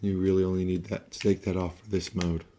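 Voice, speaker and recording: A man with a low, monotone voice, sounding sick as he walks through a toy review. His delivery is casual, halting and offhand. A light layer of noise sits behind him. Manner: offhand, halting, mildly sweary. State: sick, under-the-weather voice.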